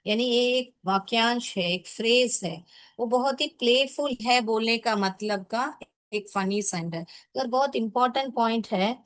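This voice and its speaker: A woman teacher walks her pupils through a poem in an online class, speaking slowly and patiently. Her voice is dry and close, with the plain sound of a video call. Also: on the high side, dry recording. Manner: patient, mixes Hindi and English, calls pupils "beta". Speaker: English teacher.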